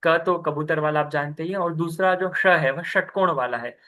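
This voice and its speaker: With a bright, forceful voice on the high side and a moderate pace, a young man teaches scripture over a video call. He patiently breaks things down step by step, often checking in with his students by asking "ठीक है".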